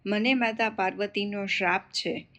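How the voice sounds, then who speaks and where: A meek, deferential male priest, read by a woman storyteller, quiet humble tone, devotional folk tale, middle pitch. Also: fairly even intonation, normal speed, close to an everyday voice. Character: meek temple priest, a Brahmin man.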